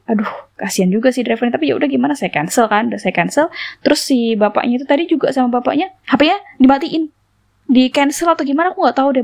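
A woman's voice: high-pitched, vocal fry, a little mellow. A young woman vlogger telling a personal story in a casual, chatty way, full of fillers and little laughs.

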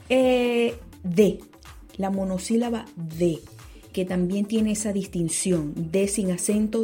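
A woman explaining grammar rules in a spoken lesson, slowing down on key points and correcting herself as she goes. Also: mid-range voice, mellow. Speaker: teacher.

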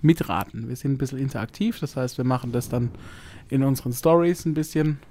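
A man's voice: mid-range voice, a little fast, mellow, slight background noise. A man hosting a podcast, chatting casually in a jovial, easily amused way. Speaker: podcast host. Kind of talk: casual chat.

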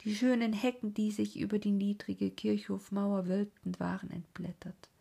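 A woman narrating a classic novel in a slow, earnest way, often sinking into a soft whisper. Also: medium pitch, little pitch movement, gravelly, slightly rough. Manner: slow, earnest, dramatic phrasing. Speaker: audiobook narrator. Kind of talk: literary reading of a classic novel.

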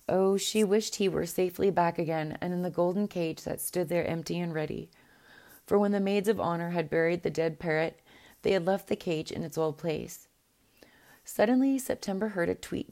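A woman narrating a fairy tale in a measured way, with small restarts. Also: fairly low pitch, dark tone.

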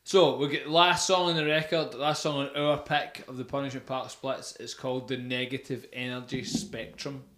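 A young man chats casually about music, rambling and excited, with plenty of fillers. His voice sits at a middle pitch. The room is echoey, and there is a faint hiss behind him. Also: normal speed, hardly any pauses. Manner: rambling, enthusiastic, many fillers. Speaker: podcast host.

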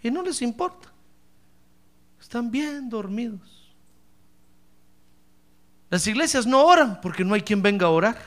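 A male pastor preaching a sermon, addressing the congregation directly and swinging from hushed asides to shouts. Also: very high voice, sing-song, measured pace, long pauses. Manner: acts out quoted voices and addresses congregation directly.

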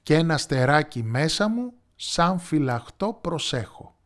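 Patient storybook mother, gentle and coaxing; a man acts it out. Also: on the high side, sing-song. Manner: gentle, coaxing, sing-song riddle reading. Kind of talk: storybook character voice.

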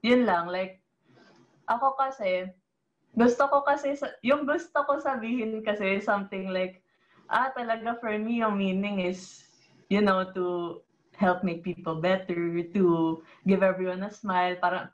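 A woman's voice: medium pitch, moderate pace. A young woman from the Philippines with a Filipino accent, chatting reflectively on a podcast with many fillers. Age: young adult. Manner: reflective, switching between English and Tagalog with many fillers. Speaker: former student organization president. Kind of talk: casual podcast chat. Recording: slightly dull lo-fi audio.

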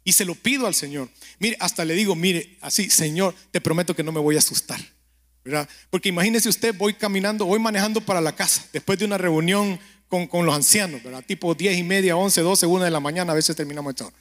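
A man delivers a conversational sermon and prayer, telling stories and speaking straight to the listener. He keeps checking in with a quick "¿verdad?" in his high-pitched, slightly bright voice.

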